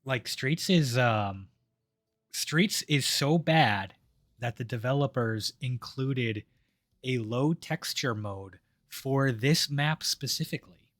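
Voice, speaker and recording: A man's voice: medium pitch, takes it slowly, fairly bright tone, no room sound, clean studio sound. A man streaming a game, chatting casually and ranting sardonically. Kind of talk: casual gaming stream chat.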